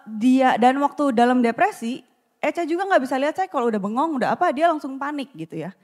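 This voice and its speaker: A woman stands at the front of a church and shares her personal story with the congregation. Her voice sits high, and her telling is candid, animated and self-deprecating. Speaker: church member giving testimony. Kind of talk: personal testimony at church, casual.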